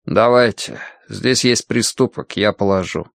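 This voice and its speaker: A big, kindly grown man in a storybook, speaking low, slow and soothing, as a male narrator voices him. The voice sits deep and close, dry and plain. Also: vocal fry, no echo. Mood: gentle.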